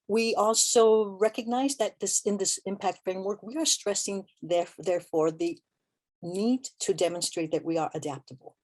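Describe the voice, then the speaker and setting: A woman evaluator giving a webinar presentation in a measured way, pausing often with ums and asides. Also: on the low side, a little mellow.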